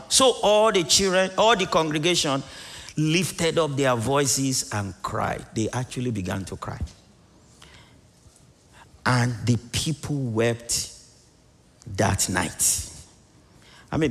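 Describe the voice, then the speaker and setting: Man, preacher, gravelly voice, long reverberant hall, emphatic sermon delivery, rhetorical questions. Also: fairly bright tone. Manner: dramatic swings in pitch and volume, sudden emphatic rises; repetitive, rhetorical questions to the congregation.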